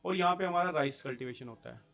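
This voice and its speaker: A man's voice: a little high, fast, vocal fry, a bit bright. A young man teaching a school geography class, explaining step by step in a mix of Hindi and English terms and checking in with his students. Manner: explains step by step, often checks in with "theek hai" and rhetorical questions.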